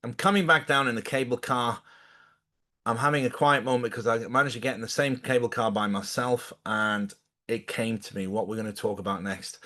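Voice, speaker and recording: A man's voice: fairly low pitch, sharp tone. A man hosting a livestream, chatting casually and rambling as he thinks aloud. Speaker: livestream host.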